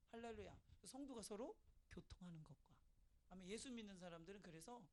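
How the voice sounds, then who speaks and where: A pastor preaching an evening sermon in a church, in a lively conversational style with frequent calls of amen. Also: male voice, high voice. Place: church sanctuary.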